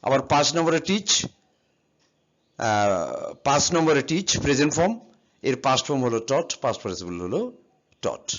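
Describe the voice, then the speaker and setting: A man teaching verb forms in an English grammar class speaks in a sing-song, medium-pitched voice at normal speed, with long pauses. Patiently, he spells words letter by letter and asks questions he then answers. The audio is slightly dull and lo-fi.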